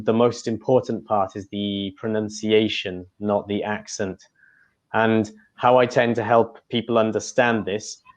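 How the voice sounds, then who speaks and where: A man's voice: fairly low pitch, highs cut off. A man from Wales, an English tutor, answering interview questions in a chatty, casual way with many fillers.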